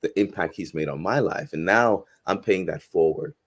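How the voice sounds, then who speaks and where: A man's voice: deep voice, moderate pace. A man in his forties, from Haiti, talking earnestly and reflectively as a guest in an interview, often restarting his sentences. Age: 40s. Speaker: guest filmmaker and professor. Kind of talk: casual interview conversation.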